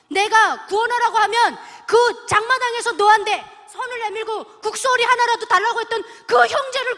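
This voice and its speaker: A woman voicing a stern, fatherly God who scolds in Pyongan dialect in loud, high outbursts. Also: big-room sound, heavily acted.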